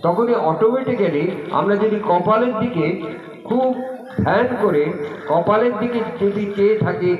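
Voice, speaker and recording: A man with a high, bright-pitched voice teaches a gathered group at an outdoor camp, walking them through breathing and meditation one step at a time. The sound is echoey, with the murmur of a crowd behind him. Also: phone-quality sound. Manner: guides listeners step by step, mixing a personal story with teaching. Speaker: yoga and meditation camp leader. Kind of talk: spoken instruction to a group.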